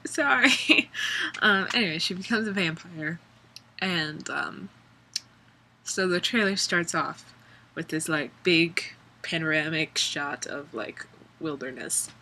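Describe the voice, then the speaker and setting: Young woman vlogger, unhurried and low, bright sharp tone, sarcastic rambling chat. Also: expressive. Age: young adult. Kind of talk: casual vlog chat. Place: college dorm room.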